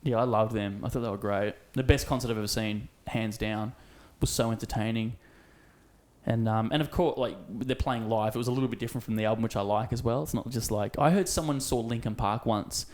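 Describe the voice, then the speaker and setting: An Australian man in his thirties, co-hosting a casual podcast chat and telling animated, sweary stories with acted-out quotes. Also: on the low side, a little fast. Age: 30s. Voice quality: swears freely, animated storytelling with put-on quotes. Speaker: podcast co-host.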